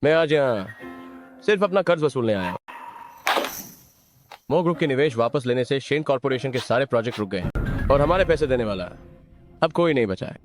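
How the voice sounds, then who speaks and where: A man dubbing a cold debt collector who makes measured threats. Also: mid-range voice, lively intonation, close to an everyday voice. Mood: menacing. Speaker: dubbed actor. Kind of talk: dubbed short-drama acting. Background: background music.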